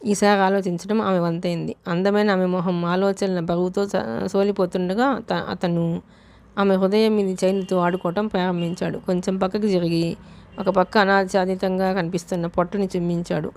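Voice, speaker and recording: A woman narrating a novel as an audiobook in a steady, unhurried reading style. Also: mid-range voice.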